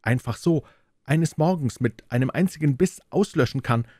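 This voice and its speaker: Guy doing a little boy prince, high and pushy, keeps asking why, gets upset easily. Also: moderate pace, dark tone, dry recording, clean studio sound, natural voice. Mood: impassioned. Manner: indignant, questioning, insistent. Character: small earnest boy prince from another planet.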